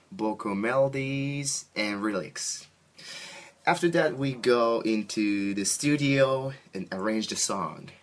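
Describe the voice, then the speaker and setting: A Japanese man with a Japanese accent plays in a band and answers interview questions in simple, halting second-language English. His voice sits in the mid range.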